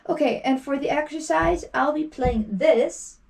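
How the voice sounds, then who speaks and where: A woman's voice: high-pitched, measured pace, gravelly, darkish tone, recorded from a distance. A woman teaching singing in an upbeat manner, explaining techniques and then demonstrating the sounds herself. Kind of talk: vocal lesson with demonstrations.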